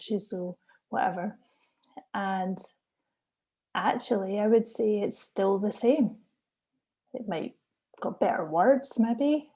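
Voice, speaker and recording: Middle-aged woman presenter, measured and earnest, mid-pitched and mellow. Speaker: consultant geriatrician giving a talk. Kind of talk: recorded conference presentation.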